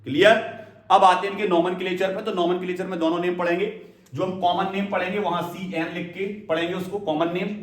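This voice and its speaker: A man's voice: sits high, little pitch movement, fast. A male chemistry teacher giving a classroom lecture, repeating key terms and often checking that his students understand. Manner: addresses students fondly as "beta". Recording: echoey room, voice from a distance.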